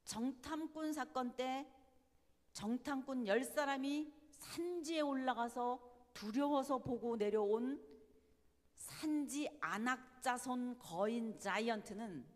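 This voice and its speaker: Lady teaching a bible class, lively and emphatic, big echoey hall sound. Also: high voice. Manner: animated, asks the audience rhetorical questions. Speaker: Bible study lecturer. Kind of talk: lecture.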